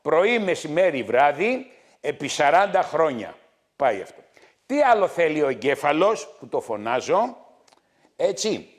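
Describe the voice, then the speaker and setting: Man, TV doctor host, scolding, repetitive, lively swinging pitch. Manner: loud, scolding, repetitive, hammering points. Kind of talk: scolding health talk to viewers.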